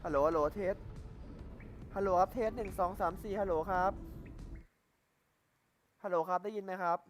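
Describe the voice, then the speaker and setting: A man's voice: sits high, steady tone, moderate pace, soft background music. A man streaming a game live, chatting casually and repeatedly testing his mic.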